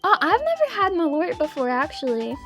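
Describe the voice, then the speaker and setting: Young female VTuber, casual stream chat, excitable, laughs a lot, swears, lively pitch swings. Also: a little fast, soft background music. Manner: excitable and giggly, swears freely.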